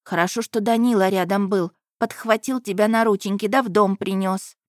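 A woman's voice: medium pitch, steady tone, normal speed, darkish tone, no room sound, clean studio sound, natural voice. A woman voicing a doting, stout old nanny who fusses and laments over her charge. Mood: fussing. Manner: lamenting, fussing.

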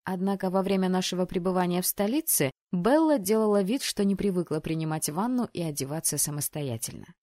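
A woman narrates a first-person novel, her voice fairly low and her intonation rising and falling vividly. The sound is dry and close, with no room around it. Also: animated, a little fast, few pauses, mellow, no echo. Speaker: audiobook reader.

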